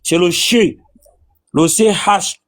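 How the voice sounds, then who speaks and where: A man's voice: sits high, slow pace. A man in a religious debate, insistently repeating his questions.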